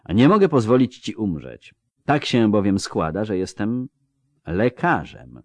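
A man's voice: fairly low pitch, big pitch swings, a little slow, gravelly, darkish tone, no room sound, pitched above the performer's own voice, heavily acted. A man voicing a sardonic halfling surgeon. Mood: grimly calm. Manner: dry, mocking, clinical. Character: sardonic halfling field surgeon, male, unflappable.

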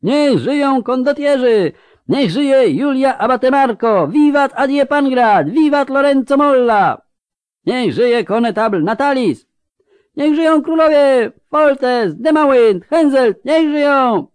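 A man voicing a festive crowd of townsfolk, yelling high and strained cheers. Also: animated, unhurried, clear, resonant tone, dry recording. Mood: ecstatic cheering.

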